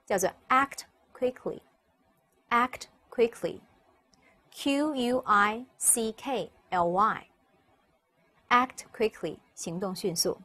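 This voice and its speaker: A woman teacher, explaining English vocabulary step by step and repeating each word slowly for students. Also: mid-range voice, fairly bright tone. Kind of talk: recorded vocabulary lesson.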